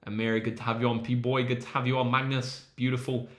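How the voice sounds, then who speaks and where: A man's voice: mid-range voice, flat delivery, quick pace. A young man runs a casual maths livestream, his voice sitting in an ordinary middle range. He is upbeat and encouraging, rallying his viewers like a team and reading their names from the chat. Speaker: maths tutor hosting a livestream.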